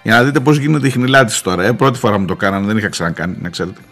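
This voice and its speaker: A man, a journalist, telling a wry anecdote on the radio with lively asides. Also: lowish voice. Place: radio studio.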